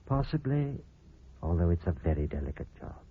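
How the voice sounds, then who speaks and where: A cold, calculating surgeon in an old radio drama, with a low, husky voice. His delivery is smooth and menacing, rising and falling with lively pitch. The sound is narrow and phone-thin, squeezed through an old AM radio broadcast. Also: a little fast, heavily acted. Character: cold, scheming male surgeon. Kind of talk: 1940s radio acting.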